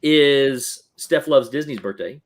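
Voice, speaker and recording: Man rattling off shout-outs. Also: mid-range voice, slow pace. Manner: rattles off long lists of names. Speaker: podcast host. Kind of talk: casual chat, reading names.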